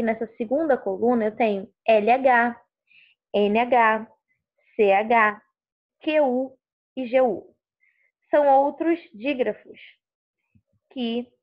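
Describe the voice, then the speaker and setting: Slow, patient woman teacher, carioca accent. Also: a little high, lo-fi sound. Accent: Rio de Janeiro Portuguese. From Rio de Janeiro state, Brazil. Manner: patient, repeats words slowly to stress sounds. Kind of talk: recorded online class.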